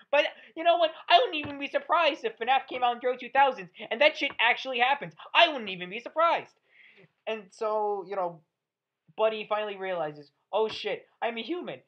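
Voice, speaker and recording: A woman's voice: fairly high pitch, expressive, normal speed. A woman ranting through a sarcastic, profane, rambling movie review. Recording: dull lo-fi audio.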